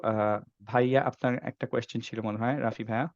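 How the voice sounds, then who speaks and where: A man's voice: mid-range voice, fairly even intonation, fairly quick, dry recording, lo-fi sound. A man teaching Quran recitation in an online class, patiently demonstrating letter sounds and checking if students follow. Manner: patient, checks understanding with frequent "okay?". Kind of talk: online tajweed class, Bengali mixed with English.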